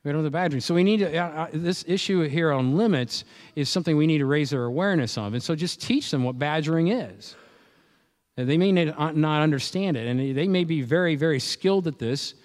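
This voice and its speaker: A man's voice: on the high side, a little fast, a little mellow. A man preaching a sermon as pastor, conversational, with frequent restarts and repeated words. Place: church. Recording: echoey church hall.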